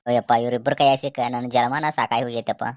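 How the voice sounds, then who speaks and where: A woman's voice: rumbling low, fairly even intonation, racing, darkish tone. A woman with a North Karnataka accent playing an exasperated, henpecked husband in a comedy skit, grumbling and threatening. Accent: North Karnataka Kannada.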